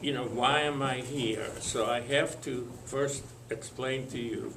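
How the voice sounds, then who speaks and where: An older man from Lithuania, telling his life story to an audience in a slow, halting way with many pauses and fillers. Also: mid-range voice, steady tone, gravelly, fairly bright tone, roomy sound, a little hiss or hum. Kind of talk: spoken testimony to an audience.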